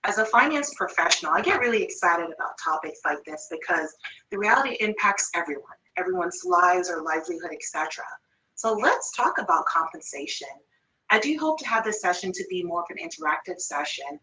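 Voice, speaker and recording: Presenting an upbeat online workshop about pay, this Jamaican finance manager in her thirties speaks briskly in an animated, sharp voice on the low side. Her light Jamaican accent shows Toronto and New York influence. The audio is poor, reverberant and distant-miked.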